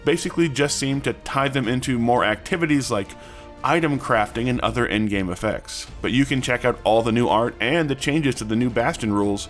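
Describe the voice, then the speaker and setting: Male news host, scripted narration in a middle-pitched voice, music bed behind. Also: brisk, fairly bright tone. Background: background music.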